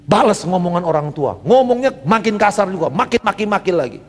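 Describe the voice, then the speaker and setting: A middle-aged man preaching a sermon as pastor, emphatic, swinging from loud declarations to soft asides and slipping English phrases into his talk. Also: high-pitched, expressive, brisk, in a large hall.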